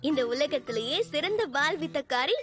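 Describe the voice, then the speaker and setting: A woman's voice: high-pitched, expressive, moderate pace. A woman dubbing a brash, boastful young swordswoman, with music behind. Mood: confident. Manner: brash and confident.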